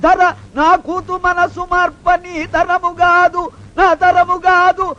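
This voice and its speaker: A man's voice: extremely high pitch, monotone, slow pace, sharp tone, exaggerated voice. An actor playing a pompous older father-in-law who speaks in grand, archaic, formal verse, on a dull lo-fi film soundtrack. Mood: grandly declaiming. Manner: grandiloquent, declaiming in old-fashioned formal speech.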